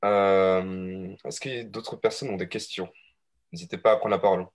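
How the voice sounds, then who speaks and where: A man's voice: sits low, steady tone, normal speed. A man moderating an online panel, politely taking questions and thanking speakers. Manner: polite, hesitant.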